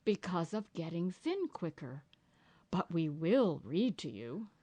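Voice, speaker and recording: A woman voicing a kind young boy who speaks calmly and affectionately. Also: on the low side, takes it slowly, husky, pitched above the performer's own voice, exaggerated voice. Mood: fond. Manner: calm, affectionate.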